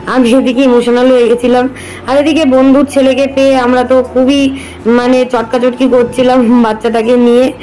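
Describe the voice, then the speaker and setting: Chatty woman vlogger, fairly high voice. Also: little pitch movement, normal speed, mellow, rough recording. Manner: chatty, addresses viewers directly. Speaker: vlogger and mother of twin boys. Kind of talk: casual family vlog.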